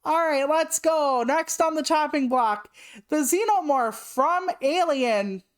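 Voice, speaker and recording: A woman's voice: high voice, slow pace. Chatty, foul-mouthed woman streamer. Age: 30s. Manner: chatty and swears freely; rambling asides with many "like" fillers. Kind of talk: casual live-stream chat.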